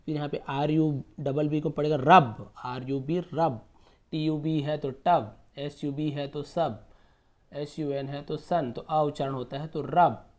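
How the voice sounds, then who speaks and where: Indian man slowly spelling out words. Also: a little high, fairly even intonation, a little mellow. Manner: slow, repeats words and spells out letters. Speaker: English teacher. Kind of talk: spelling and pronunciation lesson.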